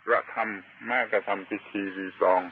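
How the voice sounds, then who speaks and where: A man preaching a Buddhist sermon, slow and deliberate, pausing often and stressing key words. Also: narrow, tinny audio, a little hiss or hum. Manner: slow and deliberate, with long pauses and emphatic chanted words. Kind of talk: Dharma sermon.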